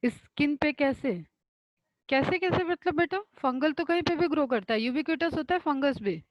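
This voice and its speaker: High-voiced woman teaching biology. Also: animated, dry recording, lo-fi sound. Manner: explains step by step, asks and answers own questions, reads definitions slowly. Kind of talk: online class lecture.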